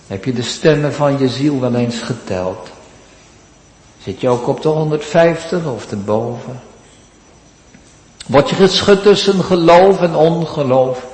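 A man preaching a sermon to his congregation, with dramatic pauses and rising emphasis. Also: medium pitch, darkish tone. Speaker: pastor. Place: church. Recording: echoey church hall.

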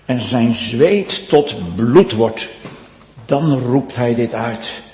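Slow, solemn preaching man in an echoey church. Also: medium pitch. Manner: slow solemn preaching, swelling loud then dropping to hushed. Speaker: pastor. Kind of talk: sermon. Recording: echoey church with long reverb.

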